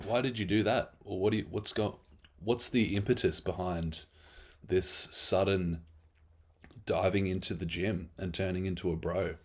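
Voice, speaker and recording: Brief: relaxed Aussie podcast host, very deep voice, casual and wry. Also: male voice, moderate pace, slight background noise. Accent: Australian. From Australia. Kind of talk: casual conversation.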